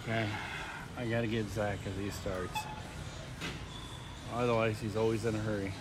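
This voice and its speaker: A man's voice: fairly low pitch, flat delivery, normal speed, noisy background. A breathless man in a gym giving teasing, offhand commentary while filming his son. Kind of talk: casual chat filming family.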